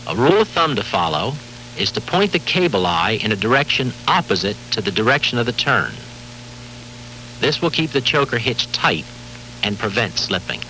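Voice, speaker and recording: A man's voice: medium pitch, sing-song, pushed and bright, low-quality recording. Man narrating over worn, hissy tape. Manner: measured, formal, authoritative delivery. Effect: worn VHS tape copy with faint hiss and hum. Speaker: narrator of a safety training film. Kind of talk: scripted instructional narration.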